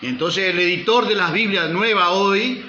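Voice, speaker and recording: Emphatic pastor preaching. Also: male voice, high voice, moderate pace, pushed and bright, a little hiss or hum. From Uruguay. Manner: emphatic preaching with rhetorical questions and calls for amen. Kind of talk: sermon. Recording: roomy, slightly dull church recording.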